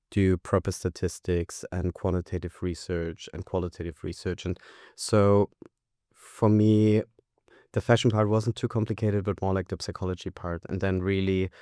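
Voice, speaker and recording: Brief: young man, English, very low warm voice, smooth and dry, measured and hesitant. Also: no room sound. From Austria. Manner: thoughtful, hesitant with fillers. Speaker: graduate guest. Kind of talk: interview answers.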